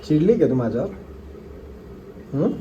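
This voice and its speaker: A man's voice: fairly high pitch, sing-song, measured pace, warm tone, highs cut off, slight background noise. A young man with a Marathi accent, teasing and joking in casual couple vlog banter. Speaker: vlogger, husband.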